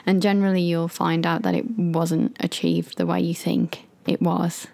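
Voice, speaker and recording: A woman in her late twenties co-hosting a relaxed podcast. Her voice sits low with a gravelly edge. She chats in a reflective way and laughs easily. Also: normal speed. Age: 20s. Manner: chatty, reflective, laughs often. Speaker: podcast co-host. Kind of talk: casual podcast chat.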